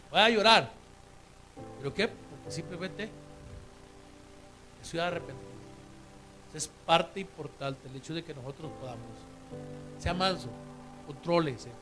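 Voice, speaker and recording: A man preaching a sermon in a conversational way, asking rhetorical questions of the congregation. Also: high-pitched.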